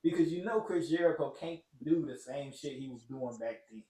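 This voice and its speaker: A man's voice: a little high, moderate pace, dark tone. A man hosting a casual podcast chat, blunt and profane, talking in asides. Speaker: podcast host. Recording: echoey room with faint noise.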